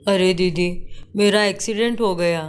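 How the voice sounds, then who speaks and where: A woman's voice: medium pitch, fairly even intonation, moderate pace, clean tone, natural voice. A woman voicing an apologetic young brother-in-law in a cartoon story, pleading.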